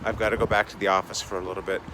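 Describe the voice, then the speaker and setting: A man's voice: on the low side, little pitch movement, rapid-fire, background noise, pitched below the performer's own voice, natural voice. A man voicing a tired, hardworking businessman and father, speaking wearily in a told story. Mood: resigned.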